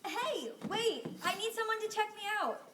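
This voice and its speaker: Actress as a shrill, stranded lady shopper calling for help, stage play, noisy far-off recording. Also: animated, normal speed. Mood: plaintive. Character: flustered female shopper left waiting.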